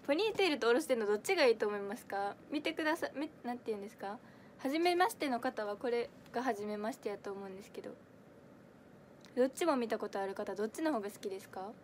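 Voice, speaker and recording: High-voiced young woman with Kansai accent. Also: lively intonation, fast, a little hiss or hum. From Kansai, Japan. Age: 20s. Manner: chatty and giggly, many fillers, answers comments as she reads them. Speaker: idol audition livestreamer. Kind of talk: casual livestream chat reading viewer comments.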